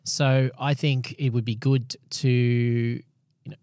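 A man's voice: medium pitch, level tone, slow pace, a little mellow, clean tone, dry recording, studio quality. A man, a pastor hosting a podcast, talking casually and explaining things in an affirming way. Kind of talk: casual conversational podcast chat.

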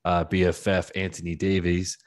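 A young man hosting a podcast in casual chat, upbeat and quick to laugh. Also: sits low, level tone. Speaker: podcast host.

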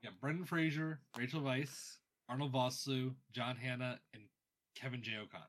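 A man's voice: medium pitch, fairly even intonation, moderate pace, a bit bright. A man chatting casually with friends, wry and grumbling, often trailing off. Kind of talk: casual chat.

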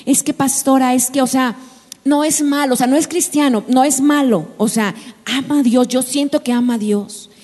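A woman's voice: high-pitched, fairly even intonation, normal speed, darkish tone, long reverb tail. A woman playing a smitten gushing young girl. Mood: pleading. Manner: gushing, pleading.

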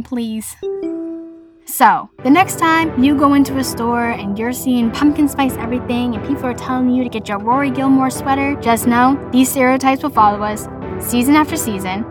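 A woman with a Boston accent hosting her own podcast, chatting in a bubbly, rambling way. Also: on the high side. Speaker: podcast host. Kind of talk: casual solo podcast chat.

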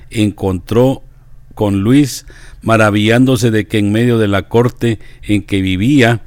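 A man reading a saint's life aloud and commenting on it in a measured, devout, earnest way. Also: fairly low pitch, a little mellow, no room sound. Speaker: reader leading a group discussion.

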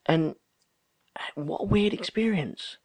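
This thirty-something man has a high-sitting, slightly mellow voice and takes his time. In easygoing conversation he spins stories, performing the lines of the people he quotes.

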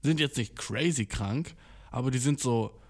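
A man's voice: medium pitch, unhurried. A young man ranting comically in casual youth slang mixed with English words, mock-cocky and jumping into exaggerated voices. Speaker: comedic monologue host. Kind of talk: casual comedic rant.

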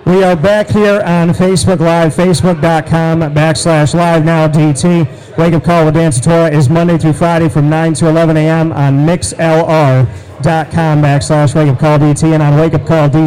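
A man's voice: fairly high pitch, darkish tone, low-quality recording. An American man hosting a live sports show, bantering and announcing emphatically in casual talk.

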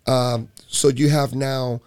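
A Puerto Rican man who directs a youth basketball program talks casually and emphatically about youth sports, pressing his points and restarting phrases with repeated words. His middle-pitched voice is flat, slow, darkish and clean.

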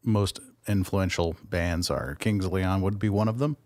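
Guy interviewing a band, kinda low voice, dry sound, laid back questions. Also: normal speed, no room sound. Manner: curious, relaxed questioning. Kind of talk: casual interview chat.

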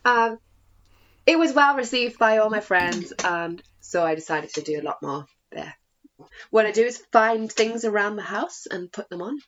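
امرأة ضاحكة تسخر من نفسها، بصوت باهت قليلاً. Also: female voice, medium pitch, lively intonation, normal speed, fairly bright tone. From northern England. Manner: giggly, self-mocking, laughs often. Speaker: guest, burlesque performer. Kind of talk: casual video-call chat. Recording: slightly dull lo-fi audio with faint noise.

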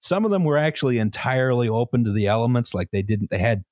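Podcast host, male, mid pitch, rambling explainer with lots of "right?", dry close mic. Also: animated, fast, darkish tone, no echo. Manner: explains at length, tags lines with "right?", many fillers. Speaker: podcast host presenting the history. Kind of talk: casual history podcast chat.

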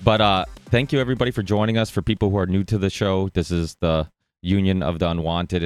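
A man's voice: sits low, clean tone, no room sound. A man hosting a live online panel show, talking in a loose, friendly way with many fillers and restarts. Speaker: host.

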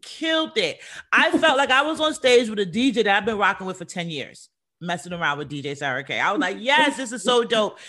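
A woman from the Bronx hosting a casual interview, animated and chatty. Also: mid-range voice, brisk. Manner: animated, chatty, says y'all and dope. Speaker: host.

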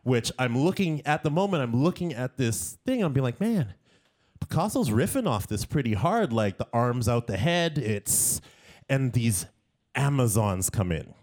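A man, a guest artist, telling animated anecdotes in casual conversation, often laughing as he goes. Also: medium pitch, normal speed. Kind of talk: casual storytelling.

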